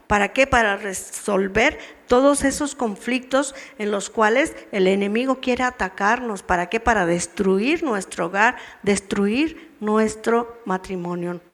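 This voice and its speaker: A woman with a Mexican Spanish accent, voice in the mid range, speaks a little slowly and with few pauses as she teaches women at church. She asks her listeners many questions and acts out the wives' replies, with long hall reverb around her.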